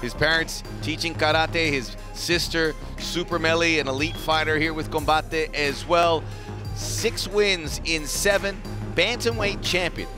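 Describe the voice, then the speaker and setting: A man's voice: a little high, steady tone, measured pace. A man doing live play-by-play sports commentary in emphatic, punchy phrases. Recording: music behind commentary. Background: music.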